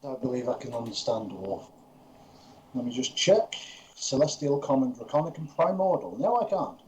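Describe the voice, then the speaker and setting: A man's voice: medium pitch, lively intonation, normal speed, a little mellow. A man playing a tabletop game, thinking aloud as he decides his moves. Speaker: player. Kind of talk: casual tabletop game chat. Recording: dull lo-fi stream audio.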